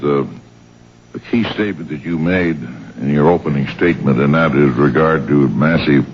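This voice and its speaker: A man with an American accent questioning a witness as a senator, in a formal, measured, halting and roundabout way. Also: extremely low pitch. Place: government hearing room. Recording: dull lo-fi 1990s hearing audio, faint noise.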